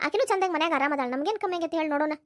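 A stern old cartoon grandmother scolds her family bluntly in a North Karnataka Kannada accent, with a woman putting her on. The voice sits very high and moves quickly. It is recorded dry and close, with no room sound. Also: dry recording, lightly acted. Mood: scolding. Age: older. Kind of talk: cartoon voice acting.

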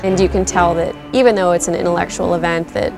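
A woman's voice: on the low side, steady tone, quick pace, vocal fry, over music. A woman talking enthusiastically in an interview about a competition she helps run. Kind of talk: interview remarks.

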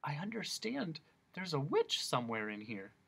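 A man voicing a timid, polite young boy who speaks softly and hesitantly. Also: fairly high pitch, big pitch swings, moderate pace, slightly rough, pitched above the performer's own voice, full character voice. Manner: soft and hesitant.

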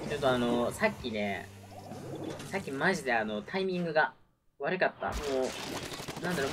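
Male game streamer, lively swinging pitch, reactive muttering and exclamations, game music behind. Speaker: gaming streamer. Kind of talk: live gameplay commentary. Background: video game music.

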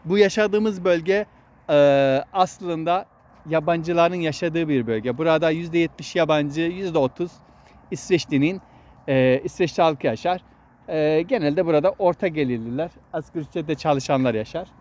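Speaking as a dad to his kid and his viewers, a man explains things casually while walking outdoors. His voice sits on the high side with a darkish tone and a moderate pace, and traffic hum fills the noisy recording.

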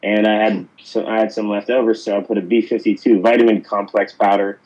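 A man's voice: on the low side, level tone, fairly quick, darkish tone, muffled recording. A man from Pittsburgh, an actor, telling stories in a casual interview, rambling with lots of fillers and restarts. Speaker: actor guest.

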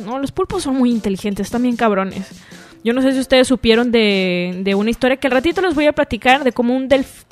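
A young woman with a Mexican accent hosting a casual solo radio show, chatty and full of slang and swearing. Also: a little high. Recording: music playing faintly behind.

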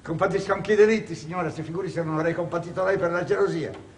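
An actor playing a proud, cunning, wronged middle-aged male clerk in a theatrical stage performance, swinging from hushed bitterness to shouting. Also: high-pitched, steady tone, fast talker, a little hiss or hum. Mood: agitated. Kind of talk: stage acting. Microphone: distant room mic. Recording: distant echoey stage recording.

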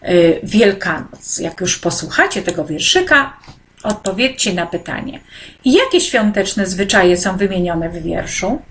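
A woman teacher slowly guiding children through an online e-textbook lesson, speaking to them directly and often pausing on hesitant fillers. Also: medium pitch, a bit bright. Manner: slow and patient, with frequent hesitant "e" fillers. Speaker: primary school teacher.

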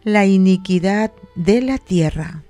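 A woman reading prayers and responses in a measured, solemn liturgical recitation. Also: mid-range voice, mellow, soft background music. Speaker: prayer reader giving responses.

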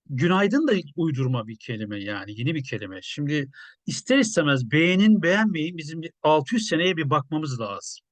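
A journalist commenting in a casual, conversational way, musing with many hesitations. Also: male voice, a little high, sing-song, moderate pace, dry recording.

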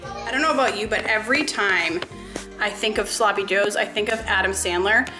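A woman's voice: medium pitch, fairly quick. Woman in her thirties, from New Hampshire, cooking vlog host, chatty, roomy kitchen, music behind. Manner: chatty, upbeat, talks to viewers while cooking. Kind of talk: casual cooking vlog narration. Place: home kitchen.

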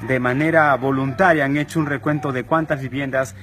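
A man in his thirties from Peru reporting live for a news broadcast outdoors on a dusty hillside with a handheld mic, in a formal, steady delivery. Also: medium pitch, fairly quick. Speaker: field reporter. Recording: outdoor ambience noise.

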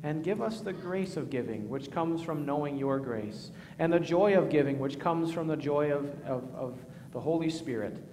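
A man leading worship as pastor, praying and speaking in a measured, solemn way, his voice ringing with a cathedral echo. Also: a little high, a little mellow, a little hiss or hum. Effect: cathedral echo, long church reverb. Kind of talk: liturgical prayer and communion address. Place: large church sanctuary. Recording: long reverb of a large church hall.

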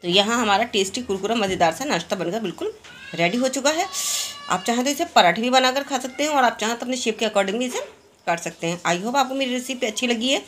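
A woman's voice: on the high side, fast, a bit bright. Woman hosting a cooking channel, narrating a recipe from her home kitchen, friendly, step by step, faint hiss behind. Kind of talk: recipe voice-over.

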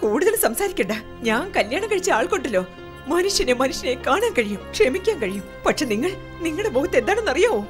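A defiant, reproachful wife. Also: female voice, high-pitched, sing-song, fast, music in the background. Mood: scolding. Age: middle-aged. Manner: reproachful, cutting. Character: defiant middle-aged wife standing up to husband. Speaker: wife and mother. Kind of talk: dramatic film dialogue.

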